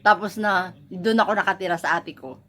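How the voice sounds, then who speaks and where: A woman's voice: on the low side, fairly even intonation, brisk, sharp tone. A woman from the Philippines, vlogging casually at home, telling a story in a rambling, chatty way and laughing often.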